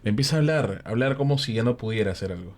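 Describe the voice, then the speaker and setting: Lowish-voiced Peruvian man telling a ghost story. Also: rapid-fire. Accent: Peruvian Spanish. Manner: animated storyteller who acts out the characters' lines; frequent fillers and tag questions. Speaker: panel guest telling ghost stories. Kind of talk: casual chat, storytelling.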